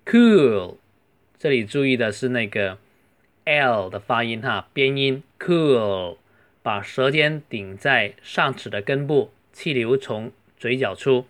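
Slow-paced man teaching English words. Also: medium pitch, a bit bright. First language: Chinese. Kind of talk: language lesson explaining pronunciation.

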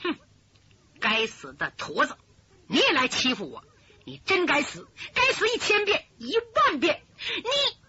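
A woman's voice: a little high, huge pitch swings, moderate pace, pauses often, pushed and bright, slightly rough, exaggerated voice. A woman storyteller voicing a petulant, spoiled young male swordsman in a dull lo-fi recording. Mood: furious. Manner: petulant, swings from bluster to whining sobs. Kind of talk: traditional storytelling.

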